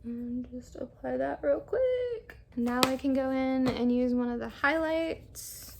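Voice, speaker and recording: A woman's voice: high-pitched, expressive, takes it slowly, vocal fry, slight background noise. A young woman chatting casually through a makeup try-on, rambling with lots of fillers. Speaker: beauty vlogger.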